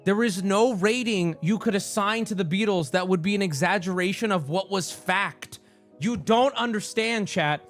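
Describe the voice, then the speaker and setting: A man livestreaming, reacting to clips in casual chat and often bursting into excited shouting. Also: high-pitched, normal speed, soft background music.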